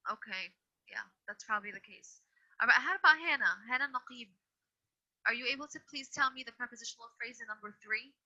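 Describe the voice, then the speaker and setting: A woman teacher with a fairly high, sharp voice leads an online grammar lesson at a fairly quick pace. Patient but firm, she repeats and corrects her students. The video call audio is dull and lo-fi.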